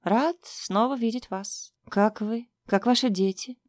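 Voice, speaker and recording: A woman's voice: a little high, measured pace, no echo, studio quality, lightly acted. Courteous cheerful chauffeur man; woman narrator voices him. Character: polite smiling male chauffeur.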